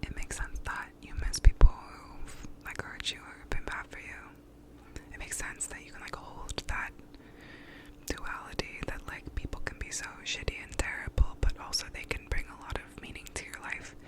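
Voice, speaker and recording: A woman's voice: moderate pace, low-quality recording. A woman gives a whispered ASMR pep talk up close to the mic, reassuring and validating in informal, sometimes sweary wording. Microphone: close to the mouth.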